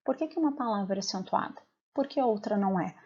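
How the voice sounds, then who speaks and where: A woman's voice: mid-range voice, lively intonation, quick pace, a little mellow, breathy edge, highs cut off. A woman teacher with a Brazilian Portuguese accent, explaining a recorded lesson patiently and asking her pupils questions.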